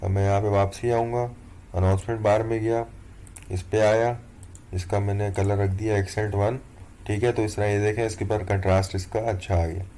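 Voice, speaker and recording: A young man walks through a lesson in a low, fairly monotone voice. His tone is mellow and unhurried, and he keeps checking that the viewer is following. A faint hiss sits under the recording. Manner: relaxed, step-by-step, keeps checking in with "theek hai". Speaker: course instructor. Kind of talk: screen-recorded tutorial walkthrough.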